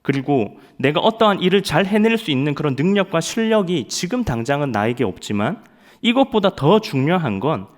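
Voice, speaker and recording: A young man preaching a sermon, telling stories in an animated way and acting out loud quotes. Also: a little high, brisk. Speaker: evangelist preaching at a Friday night prayer service.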